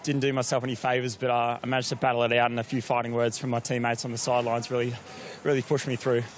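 A triathlete giving a chatty post-race interview outdoors, shivering from the cold and talking with many fillers and restarts. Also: male voice, medium pitch, flat delivery, quick pace.

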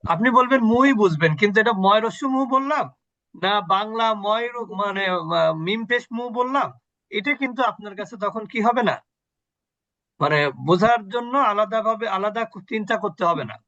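A man's voice: sits high, moderate pace, fairly bright tone, no room sound, highs cut off. A man teaching an online Quran recitation class on a video call, patiently quizzing his students and repeating sounds for them.

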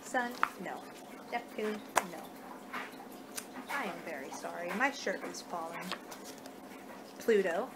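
In a small room at home, a young adult woman improvises an ASMR roleplay of reading fortune cards, muttering slowly and distractedly. Her voice is lowish with lively intonation, captured on a noisy amateur webcam-style recording.

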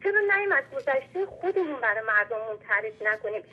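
This is a caller to a radio show, a woman from Iran talking over a phone line. Her voice sits a little high and has a breathy, husky edge. The narrow, tinny line thins her out as she argues her point earnestly and at length. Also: sing-song. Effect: heard over a phone line. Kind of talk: call-in question to the host.

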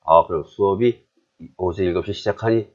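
A man with a Korean accent teaching English grammar, chatty and self-deprecating, drilling phrases slowly. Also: deep voice, darkish tone, muffled recording. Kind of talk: classroom grammar lesson.

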